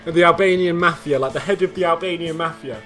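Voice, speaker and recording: A young man telling a story casually, animated, laughing often, with heavy slang and swearing. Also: fairly high pitch, quick pace, soft background music. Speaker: vlogger.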